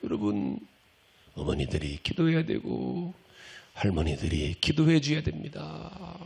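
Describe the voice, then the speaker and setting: Middle-aged male pastor, sermon; fervent, folksy, scolding, gravelly edge, swooping pitch. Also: wildly swooping pitch, unhurried. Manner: impassioned preaching, acts out prayers and pleas; folksy, scolding, conversational with the congregation.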